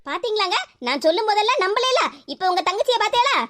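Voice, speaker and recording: A woman's voice: very high-pitched, lively intonation, fast, fairly bright tone. A woman voicing a proud, touchy sister-in-law in a cartoon who complains in a Tirunelveli Tamil accent. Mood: aggrieved. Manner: sulky and complaining. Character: proud sulky sister-in-law, quick to take offence.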